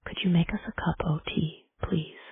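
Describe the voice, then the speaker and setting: A narrator whispering the part of a huge, gruff, bearded male giant who speaks in rough folksy words, in a whispered role-play. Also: mid-range voice, fairly even intonation, normal speed, no room sound. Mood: friendly. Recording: dry, tinny phone-like sound.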